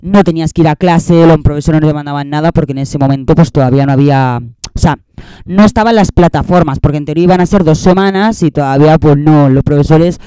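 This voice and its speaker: A man's voice: a little high, quick pace, warm tone, clean tone, dry recording. A young man with a Spain Spanish accent, hosting a casual, rambling, sarcastic year-end monologue that keeps repeating itself. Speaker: host.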